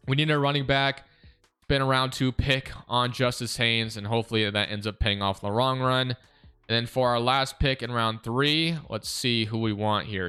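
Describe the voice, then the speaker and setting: A man's voice: medium pitch, pushed and bright, clean tone. A young man giving casual commentary over a video game, thinking aloud and correcting himself as he goes. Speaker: gaming video creator.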